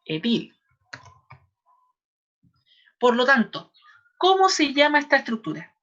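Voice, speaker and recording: A woman with a Chilean accent teaching a chemistry class online, patient and repeating terms slowly for her students. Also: high voice, big pitch swings, a bit bright. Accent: Chilean Spanish. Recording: slightly dull lo-fi online class audio.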